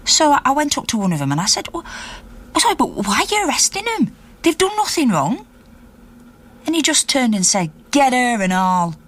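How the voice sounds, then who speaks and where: Playing a middle-aged Yorkshire miner's wife and indignant activist, this actress relates her story conversationally in a naturalistic radio drama, acting out the dialogue herself. She speaks at normal speed in a fairly high voice with big swings in pitch.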